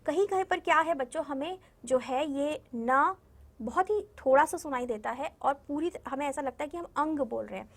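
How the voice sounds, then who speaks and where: In a recorded lesson for young children, a Hindi teacher from primary school speaks in a high voice. Patient and slow, she repeats each sounded-out word, and she answers the questions she keeps putting to the class.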